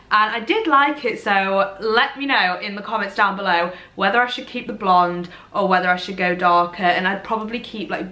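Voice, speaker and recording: In a reverberant recording, a young woman with a medium-pitched, bright voice and forceful tone talks to a camera. She's a vlogger in her twenties from Derbyshire, England, with a Midlands accent, chatting casually, rambling and poking fun at herself indoors in a bright room at home.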